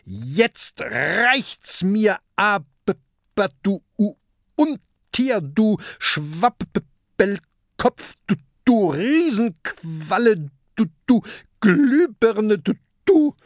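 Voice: mid-range voice, big pitch swings, very slow, no room sound, studio quality, pitched above the performer's own voice, exaggerated voice. A narrator voicing a small, fearful boy pirate who stutters on the first sounds of words. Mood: furious.

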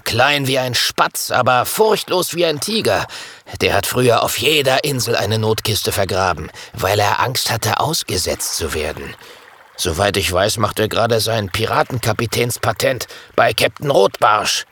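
A man's voice: fairly low pitch, expressive, a little slow, fairly bright tone, a little hiss or hum. A man voicing a lazy male pirate in a storybook, with a grumbling, mocking manner. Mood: telling. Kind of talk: storybook reading.

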